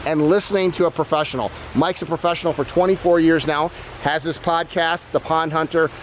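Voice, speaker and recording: A man's voice: on the high side, steady tone, a little fast, a little hiss or hum, low-quality recording. A middle-aged man hosting a pond channel, walking outdoors and explaining water features with enthusiasm. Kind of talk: on-location walk-and-talk vlog. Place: outdoors at a garden center pond. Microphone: handheld camera held close.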